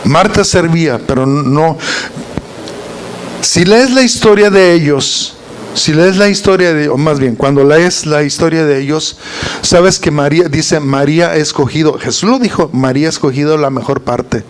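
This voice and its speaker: A man's voice: a little high, normal speed. A man leading an informal Bible study, reading verses aloud and quizzing his listeners with rhetorical questions. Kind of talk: informal Bible teaching to a group.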